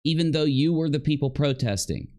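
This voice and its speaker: Brisk and expressive, with a warm, higher-side voice, a streamer delivers unscripted commentary over someone else's video. His tone is argumentative and accusatory throughout.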